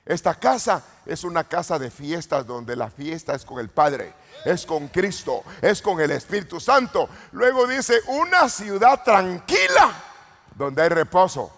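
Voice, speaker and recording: A man preaching a Pentecostal sermon as an apostle, swinging from low murmurs to sudden shouts and calling out questions to the congregation. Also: sing-song, unhurried. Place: church retreat hall. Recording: long hall reverb.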